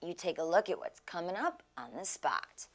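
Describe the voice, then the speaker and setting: A woman's voice: on the low side, sing-song, moderate pace. A woman TV host doing an on-location segment, talking in a playful, dramatic way and groaning complaints. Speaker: TV show host.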